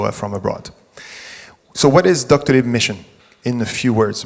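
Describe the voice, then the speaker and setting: The long echo of a large hall carries the voice of a middle-aged French Canadian man, a tech executive presenting at a conference before a live audience. His middle-pitched speech is relaxed and conversational, full of restarts and self-corrections.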